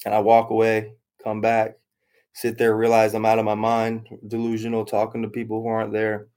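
This young man's voice is fairly low, darkish, and monotone, and he talks briskly. He rambles through a personal story about his past, repeating phrases and voicing what others said in quotes.

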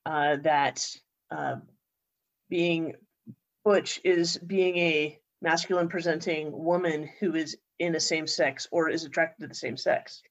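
A woman co-hosting a casual chat, relaxed and rambling, laughing often. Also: sits low, slow pace. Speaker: podcast co-host.

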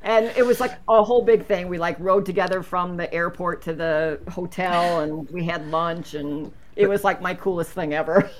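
A woman with a fairly low voice chats on a podcast as a guest. She tells her stories with an animated, easy storytelling manner. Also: moderate pace, few pauses, a little hiss or hum. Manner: chatty storyteller, animated when telling anecdotes. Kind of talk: casual podcast chat.

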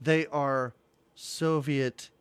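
A man's voice: medium pitch, steady tone, very slow, clear, resonant tone, no room sound. A man co-hosting a podcast, chatting casually about a movie with a wry, laughing manner and often acting out its lines. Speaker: podcast co-host. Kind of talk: casual movie review chat.

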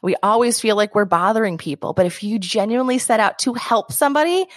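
Upbeat higher-pitched woman, close and dry. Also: fast, no room sound. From New Jersey. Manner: enthusiastic, acts out quoted voices. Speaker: author guest. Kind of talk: podcast interview.

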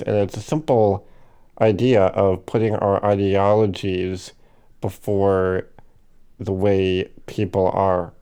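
Slow, hesitant man with a low voice. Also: warm tone, clean tone. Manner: slow and hesitant, many fillers and self-corrections. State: has the hiccups. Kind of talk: reflective personal monologue.

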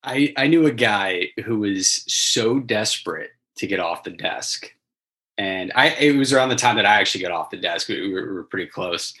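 A man's voice: lowish voice, lively intonation, normal speed, pushed and bright, low-quality recording. A man co-hosting a casual chat, telling stories from his sales job with frequent restarts and laughter.

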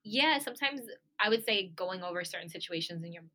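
A woman co-hosting a casual podcast chat, animated and chatty, swearing and laughing freely. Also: fairly low pitch, brisk. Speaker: podcast co-host.

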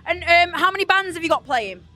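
A woman's voice: very high voice, animated, brisk, bright, forceful tone, soft background music. A woman with a Stoke-on-Trent accent interviewing someone in a chatty, effusive way as a podcast host. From Stoke-on-Trent, England. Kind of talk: casual interview chat.

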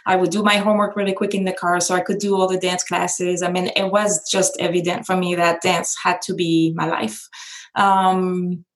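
A woman's voice: fairly low pitch, level tone, moderate pace, poor audio. Woman. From France. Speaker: guest, former dancer and casting director. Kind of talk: casual interview chat.

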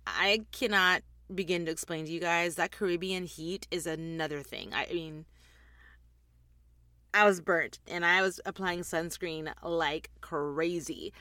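A woman's voice: lowish voice, unhurried, pushed and bright, no room sound. A woman in her forties hosting a podcast, chatting casually and rambling with frequent ums, recorded inside a closet on a desktop microphone. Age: 40s. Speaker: podcast host. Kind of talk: casual chat. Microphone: desktop USB microphone.

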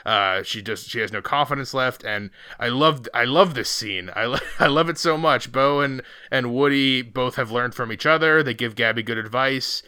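A man co-hosting a casual film review, rambling through animated retellings with quoted asides. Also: medium pitch, normal speed, few pauses, smooth, no echo, studio quality. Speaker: podcast co-host reviewing a film.

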